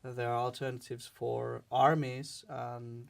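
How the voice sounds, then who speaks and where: A man from Finland argues his side in a casual debate, pausing and restarting as he searches for words. His delivery stays flat and even in pitch. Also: vocal fry. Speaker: debate guest opposing conscription.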